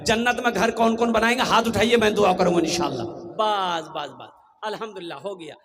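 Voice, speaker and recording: A man preaching a sermon at a mosque gathering, calling out questions to the crowd and rising to emphatic shouts. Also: high-pitched, fairly quick. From Kolkata, India. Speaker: Islamic preacher.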